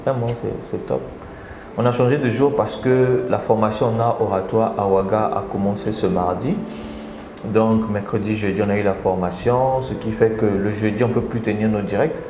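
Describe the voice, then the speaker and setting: Low-voiced man hosting a live stream from an echoey office. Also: moderate pace, background noise. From Republic of the Congo. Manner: energetic, repeats phrases, addresses viewers directly. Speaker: live stream host and speaker. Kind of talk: casual live stream talk to viewers.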